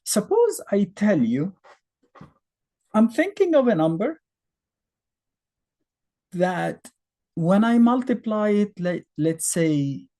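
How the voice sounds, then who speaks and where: An Egyptian man in his fifties, a native Arabic speaker with an Egyptian accent, gives a beginner math lesson in a casual, conversational way full of rhetorical questions and fillers. His voice sits high and is mellow and very animated, with a slow pace and long pauses.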